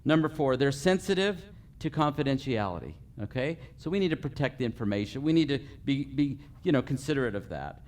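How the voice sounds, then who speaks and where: A man stands before a live group and teaches customer service point by point. He numbers each item and keeps checking in with a quick "okay?" at mid pitch. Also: animated. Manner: runs through a numbered list, checking in with frequent okays. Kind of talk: live training talk to a group. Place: meeting room with a live audience.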